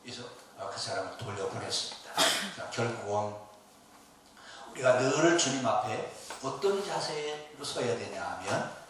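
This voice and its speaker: A man's voice: mid-range voice, animated, a little slow, background noise. A middle-aged male pastor preaching a sermon in a church, telling a story and asking the congregation rhetorical questions. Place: church sanctuary. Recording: echoey church from far off.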